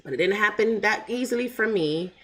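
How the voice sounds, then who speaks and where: With a light Jamaican accent, this channel host shares her personal story in a digressive, talkative manner, regularly checking in with "right?". She is a woman from Jamaica whose medium-pitched, fairly bright voice moves a little fast with lively intonation.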